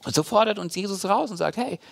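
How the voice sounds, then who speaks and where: A man's voice: high voice, quick pace, vocal fry. A man preaching a sermon to his congregation, talking straight to the listeners with many fillers and asides. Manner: animated, addresses listeners directly with frequent fillers. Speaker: pastor.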